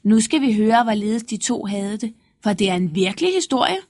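A woman narrating a fairy tale in a lively storytelling manner. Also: medium pitch.

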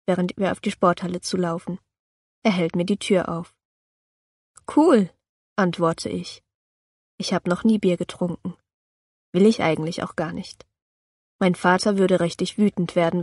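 A woman reading a first-person storybook as narrator, calm and even. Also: fairly low pitch, dry recording, clean studio sound.

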